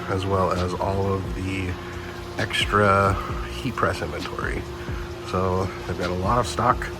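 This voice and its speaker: A man's voice: fairly low pitch, low-quality recording. A man casually presenting an upbeat, informal walking tour vlog as the host, inside a warehouse. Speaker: host of a video channel. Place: warehouse facility, indoors. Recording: music bed over the voice. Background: loud background music.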